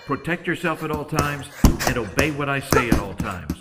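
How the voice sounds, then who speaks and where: Stern video game boxing referee, played by a man, formal and commanding, animated delivery, loud music underneath. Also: medium pitch, moderate pace, close to an everyday voice. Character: stern male boxing referee and ring announcer.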